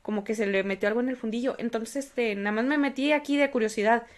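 High-voiced woman reacting to gameplay. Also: fast. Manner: animated, talks to the game characters. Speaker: gaming streamer. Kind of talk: casual gameplay commentary.

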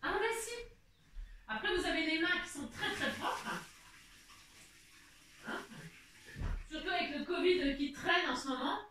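A woman's voice: very high voice, a little slow, long pauses, sharp tone, a little hiss or hum. A woman hosting a casual crafting tutorial, out of breath, chatty and full of fillers and repetitions.

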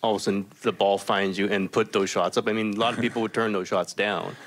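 A man's voice: on the low side, little pitch movement, fast, fairly bright tone. A male reporter asking long, rambling questions at a press conference.

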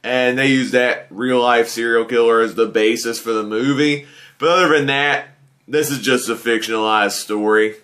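A guest film reviewer in his thirties speaks earnestly and conversationally into a desk webcam, indoors against a green screen, often saying things like "you know." His voice is mid-range and fairly bright, with fairly even intonation at a normal speed.

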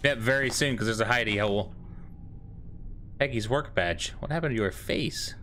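A man's voice: mid-range voice, moderate pace, sharp tone, a little hiss or hum. A man in his thirties giving scared, joking, sweary commentary as he streams a horror game, on a close mic. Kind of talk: casual gameplay commentary with swearing.

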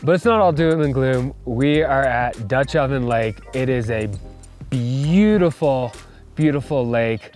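A man's voice: mid-range voice, normal speed, hardly any pauses, a little mellow, faint music behind. Chatty man vlogging outdoors. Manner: chatty, enthusiastic. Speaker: vlog host. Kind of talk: casual outdoor vlog narration. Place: outdoors at a mountain campsite.

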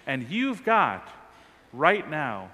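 A man in his forties preaching a sermon from a lectern in a large church sanctuary, with emphatic swings from loud to hushed. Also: wildly swooping pitch, very slow. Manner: emphatic preaching with wide swings of pitch and volume, gesturing. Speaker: pastor. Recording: long church reverb.

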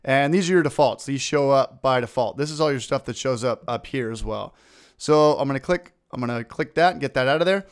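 Casting note: man, mid pitch, smooth resonant voice, casual upbeat tutorial host narrating his clicks. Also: a little fast. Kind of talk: screen-recorded software tutorial.

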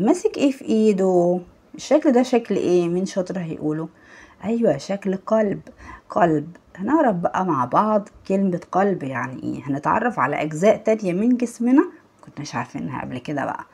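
A woman's voice: on the low side, a little mellow, slightly rough. A woman with an Egyptian accent teaching young children, patiently repeating words and praising her pupils. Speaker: English teacher. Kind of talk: online lesson for young children.

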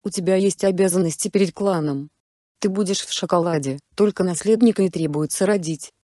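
Bossy, blunt teen sister voiced by a woman reading a fan story; mellow tone, dry sound. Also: lowish voice, a little fast, no echo, close to an everyday voice. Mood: stern. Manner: blunt and commanding. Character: bossy sharp-tongued younger sister, teenage girl.

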